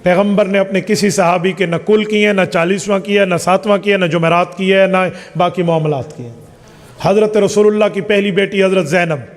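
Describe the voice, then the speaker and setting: A man delivers religious answers with emphasis. He piles up rhetorical questions and counts off his points in turn. His voice rings out with a long reverb, as if from a large hall. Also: high voice. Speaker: Islamic scholar answering questions.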